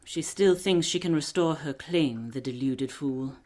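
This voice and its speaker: A woman playing a shrewd, poised lady detective in a radio play, brisk, wry and self-assured. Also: deep voice, darkish tone. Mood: wry, confiding.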